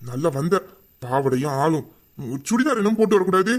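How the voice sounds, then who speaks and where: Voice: medium pitch, expressive, brisk, natural voice. A performer voicing a teasing young man, a bossy boss and doting suitor, in an audio drama. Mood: caring. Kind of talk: Tamil audio drama acting.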